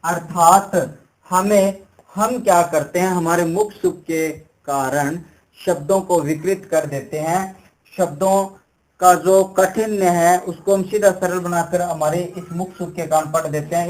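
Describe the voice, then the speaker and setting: A man's voice: fairly high pitch, fairly even intonation, unhurried, rough recording. A young man teaching an exam-prep language lesson, explaining step by step and often asking rhetorical questions before answering them himself.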